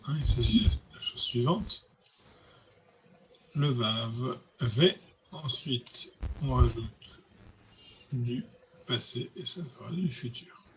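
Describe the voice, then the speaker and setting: Man, language teacher, slow deliberate pace, patient repetition, muffled call audio, faint hiss. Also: mid-range voice, fairly bright tone. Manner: spells out words and repeats them carefully. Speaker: Hebrew teacher. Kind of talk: slow, patient online grammar lesson.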